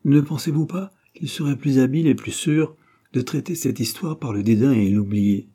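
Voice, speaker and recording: A man reading aloud, voicing an earnest, cautious young man who reasons in a measured way. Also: mid-range voice, mellow, breathy edge, voice pushed up, natural voice.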